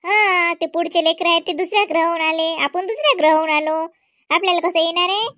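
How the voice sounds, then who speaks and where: Woman voicing a middle-aged cartoon mother, nagging, grumbling, Varhadi Marathi accent, high voice, dry close recording. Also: a little fast, sharp tone, dry recording. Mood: scolding. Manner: scolding, grumbling. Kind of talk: animated cartoon voice acting.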